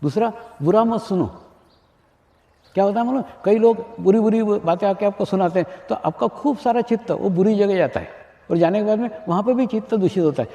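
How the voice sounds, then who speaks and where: A man's voice: high voice, fairly quick, vocal fry, warm tone. A man, a spiritual teacher, giving a discourse to an audience, repeating his phrases and asking rhetorical questions. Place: large hall with an audience. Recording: echoey hall, dull lo-fi archive recording.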